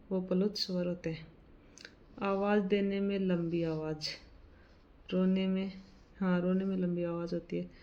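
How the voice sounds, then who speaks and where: Slow, even-voiced woman teaching grammar. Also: medium pitch, dull audio. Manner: slow, measured, reads definitions then explains them plainly. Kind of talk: reading and explaining study notes.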